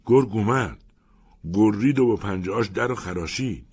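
Brief: man doing a defiant teen boy, pitched up, husky, storybook outbursts. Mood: indignant. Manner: raised, excited outbursts. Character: eager defiant teenage boy.

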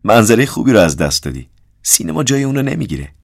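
A man's voice: mid-range voice, big pitch swings, creaky, no echo, studio quality, pitched above the performer's own voice. A man voicing a young male lexicographer who speaks eagerly and coldly about gruesome details. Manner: bright, keen, relishing gruesome detail.

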